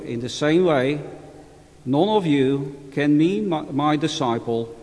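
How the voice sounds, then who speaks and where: A man, a priest, reading the gospel aloud in a slow, measured liturgical proclamation, his voice carrying with a long cathedral-like reverb in a large church. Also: fairly high pitch, darkish tone. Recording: reverberant church hall recording.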